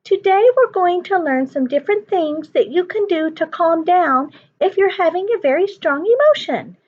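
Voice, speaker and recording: Lady doing a cute high little girl puppet voice, cheery n polite, kids show style, kinda muffled audio. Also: lively intonation, normal speed. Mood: cheerful, polite. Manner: cheerful, simple, childlike greeting of children. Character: Clarissa, a sweet young girl puppet, polite helper.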